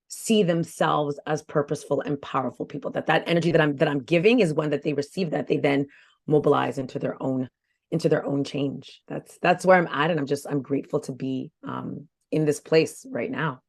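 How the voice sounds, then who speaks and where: A woman's voice: low-pitched, steady tone, a little fast, vocal fry. A woman in her forties, a health coach guest on a podcast interview, speaking in an earnest, reflective way and often repeating phrases for emphasis. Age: 40s.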